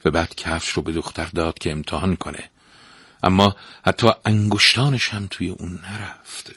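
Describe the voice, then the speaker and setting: A man narrating a folk tale as a storyteller, reading in a lively, expressive way. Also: low voice, breathy edge, no room sound, studio quality.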